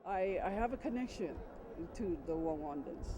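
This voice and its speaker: A woman pastor from Hawaii giving informal interview remarks outdoors by a road, speaking slowly and haltingly with fillers. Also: mid-range voice, expressive. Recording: outdoor traffic noise behind.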